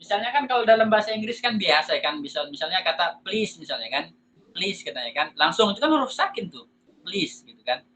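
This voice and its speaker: Man, Indonesian accent, teaching recitation rules, high voice, faint background hiss. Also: very animated, fairly bright tone, poor audio. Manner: explains step by step, asks and answers his own questions; slow drawn-out recitation of examples. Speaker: tajwid teacher. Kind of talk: recorded lesson on Quran recitation.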